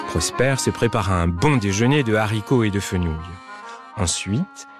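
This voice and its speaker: A man reading a children's storybook aloud, lively and expressive, drawing words out. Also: lowish voice.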